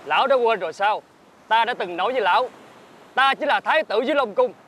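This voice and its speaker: Young dragon prince, formal and commanding, highish bright voice, faint sea wind behind. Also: male voice, fast, low-quality recording. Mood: solemn. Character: young male dragon prince in human form, solemn.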